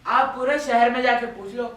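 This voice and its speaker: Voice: medium pitch, fairly even intonation, moderate pace, a bit bright, echoey room, distant mic, natural voice. A performer voicing a cheeky young son who talks back with sassy, teasing remarks.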